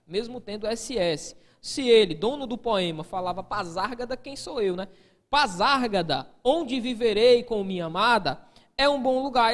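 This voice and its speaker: In a large hall, a man with a high, slightly bright voice leads an exam-prep grammar lesson. He asks himself the questions students might ask and responds, peppering his talk with "ó".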